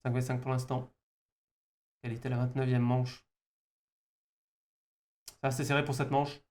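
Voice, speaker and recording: This esports caster, a Frenchman, speaks in a flat, slightly mellow mid-range voice at a moderate pace. His informal live match commentary features repeated words as he reaches for the next phrase, with game gunfire and clicks filling the noisy stream.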